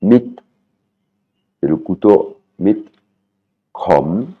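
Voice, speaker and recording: A man's voice: low-pitched, expressive, drawn-out words, husky, narrow, tinny audio. A man teaching a language lesson, patiently repeating words and singing out their tones.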